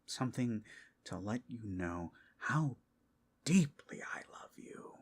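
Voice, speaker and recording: In an intimate roleplay ASMR, a man heavily acts an obsessive, lovesick captor who is creepy and doting. His lowish voice is breathy and husky, often whispering, with lively intonation. He speaks haltingly, swinging from hushed tenderness to giddy, unsettling intensity.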